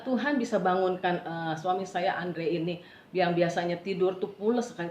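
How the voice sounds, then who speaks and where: A middle-aged woman giving a personal faith testimony in an earnest, halting way, often turning to address her listeners directly. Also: mid-range voice, darkish tone, a little hiss or hum. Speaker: testimony speaker. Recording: roomy, dull lo-fi recording.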